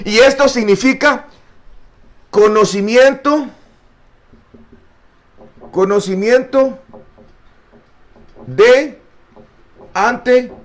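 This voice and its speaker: A man's voice: very high voice, extremely slow, pauses often. A male pastor teaching a Bible study, earnest and explanatory, with frequent fillers and repeated words. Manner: addresses listeners as brother.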